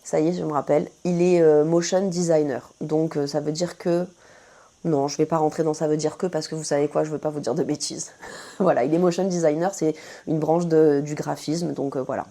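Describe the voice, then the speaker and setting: A woman's voice: sits low, fairly even intonation, brisk, mellow. A woman from France with a French accent, chatting casually to her viewers as she answers their questions, full of fillers and self-corrections. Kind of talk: casual Q&A chat to camera.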